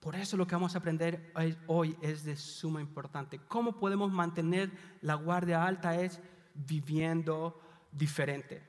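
A man's voice: a little high, fairly even intonation, normal speed. A man from El Salvador, preaching a sermon in a conversational, confiding way with light humor. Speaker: pastor. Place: church hall. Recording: long reverb of a large hall.

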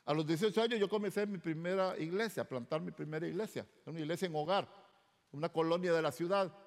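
A man's voice: on the high side, fast. Pastor telling his testimony in a reverberant hall. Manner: storytelling, animated, acts out quoted dialogue. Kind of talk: sermon testimony.

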